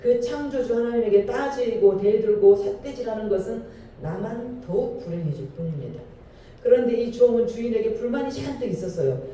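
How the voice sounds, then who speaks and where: 울림 큰 예배당의 남자 설교자, 어두운 음색. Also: male voice, extremely high pitch, expressive, fairly quick, dark tone, slight background noise. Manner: emphatic preaching with rhetorical questions. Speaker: pastor. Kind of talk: sermon. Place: church sanctuary. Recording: echoey hall from far off.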